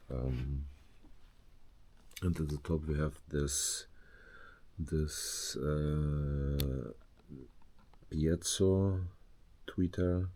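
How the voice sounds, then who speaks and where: A man with a rumbling, low, mellow voice and vocal fry gives a casual, unscripted show-and-tell as a hobbyist presenter. He speaks hesitantly and often searches for words.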